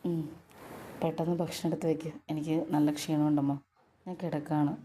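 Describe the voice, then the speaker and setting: A woman's voice: sits low, level tone, fairly quick, mellow, a little hiss or hum, voice pushed down, natural voice. A woman doing a tired grumbling young husband. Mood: weary. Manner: weary, grumbling.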